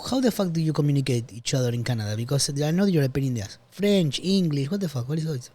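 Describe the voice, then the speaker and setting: A man's voice: on the high side, expressive, quick pace, mellow, no echo. A man from Argentina hosting a podcast interview, casual and profane, with loose phrasing. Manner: swears freely, loose non-native phrasing. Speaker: podcast host.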